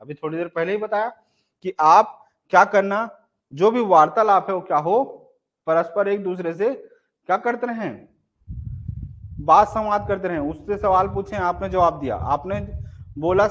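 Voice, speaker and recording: A young adult man teaching an online exam-prep class speaks at a moderate pace in a high, slightly bright voice. To check that his students understand, he keeps asking rhetorical questions, and he also acts out sample phrases.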